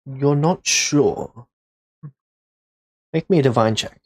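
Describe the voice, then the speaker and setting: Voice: medium pitch, takes it slowly, a little mellow, slightly rough. Game master narrating a tabletop game.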